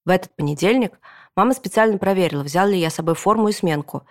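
A woman narrating a children's book in the first person as a boy, with lively storytelling. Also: fairly low pitch, quick pace. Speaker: audiobook narrator.

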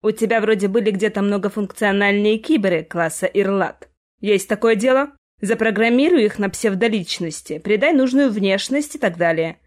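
A woman's voice: medium pitch, moderate pace, close to an everyday voice. Woman narrator doing a flustered mopey young prince, sorry one sec and snapping the next. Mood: explaining. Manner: embarrassed, apologetic, easily angered. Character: awkward, gloomy young male prince. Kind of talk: audiobook reading.

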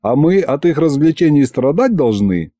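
Narrator putting on cheeky slangy imp, mischievous storybook demon, dry close sound. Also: male voice, a little high, sing-song, moderate pace, dark tone, no echo, voice pushed up. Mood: teasing. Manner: slangy and teasing.

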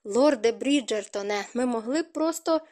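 A woman's voice: a little high, animated, normal speed, a little mellow, lightly acted. A woman reading the lines of an anxious young woman chasing her dog in an audiobook, calling out with urgency. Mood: urgent.

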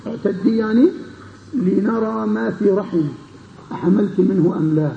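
In a classroom lecture on a legal text, a male Islamic scholar keeps asking his students checking questions as he explains. He speaks at a moderate pace in a high-pitched, gravelly voice, and the dull lo-fi recording carries room echo and slight background noise.

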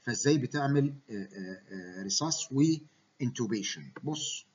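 A man's voice: mid-range voice, animated, normal speed, a little mellow, slightly rough, lo-fi sound. A man with an Egyptian Arabic accent giving a medical lecture, mixing English medical terms into his Arabic and often checking that students follow.

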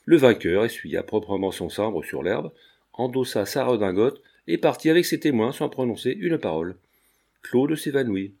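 A man reading a novel aloud as an audiobook, in measured scripted narration. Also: medium pitch, animated, vocal fry, mellow. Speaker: audiobook reader.

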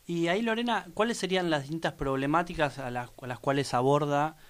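A man hosts a community radio interview. His voice is smooth, resonant and fairly high, and his questions come with plenty of hesitant fillers. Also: a little fast. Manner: hesitant, many "eh" fillers and restarts.

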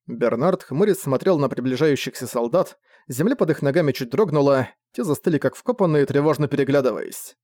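A man narrating a fantasy audiobook with expressive storytelling. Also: medium pitch, a little fast, no room sound, studio quality.

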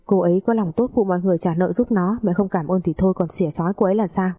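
A woman's voice: lowish voice, rapid-fire, mellow, husky. A woman voicing a grown son who sharply reproaches his mother, in a storybook reading. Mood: exasperated. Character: exasperated adult son confronting his mother.

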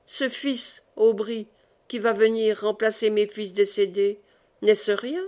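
A woman's voice: mid-range voice, fairly even intonation, takes it slowly, a little mellow, natural voice. A woman reading the part of an old exiled nobleman, a doting father who speaks with fervent emotion.

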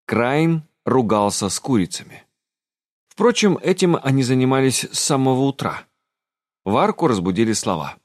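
A man reading a fantasy audiobook in a calm, measured narration. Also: mid-range voice, no room sound, studio quality. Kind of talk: scripted narration.

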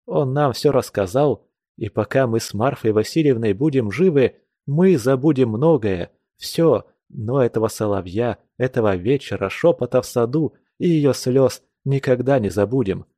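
A man's voice: mid-range voice, lively intonation, moderate pace, warm tone, dry recording, studio quality, close to an everyday voice. A man reading an audiobook, voicing an impulsive, eager young man who pleads his case. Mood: pleading.

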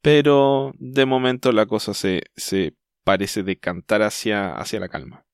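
A Chilean man hosting a podcast in casual chat, talking thoughtfully and often pausing to restart his sentences. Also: lowish voice, smooth, no room sound, clean studio sound. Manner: thoughtful, hesitant, trails off and restarts mid-thought. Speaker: podcast host.

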